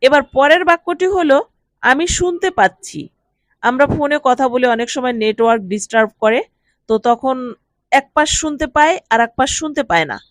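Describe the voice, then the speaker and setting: Woman teacher, Bengali accent, slow repeated phrases, dry close recording. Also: sits high, no echo. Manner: repeats each phrase slowly, then explains its meaning. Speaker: language teacher. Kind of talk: spoken language lesson.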